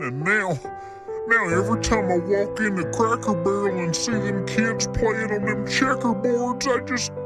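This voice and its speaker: Disguised deep voice: a man as a defeated ex-fan, mumbling over background music. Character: distraught former football fan, man, anxious and broken. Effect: voice disguised, pitched down deep. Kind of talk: comedy ad sketch.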